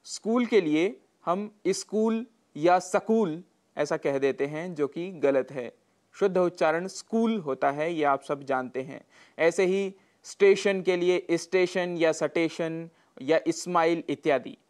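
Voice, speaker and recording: A Sanskrit teacher giving a scripted broadcast lesson, with careful, deliberate enunciation and a measured, instructive delivery. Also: medium pitch, a little mellow.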